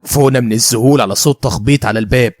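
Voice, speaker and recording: An Egyptian man tells a first-person story in a brisk, conversational voice. He moves along at a fast clip over a mid-range pitch. The sound is dry and close, with faint background music. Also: no echo.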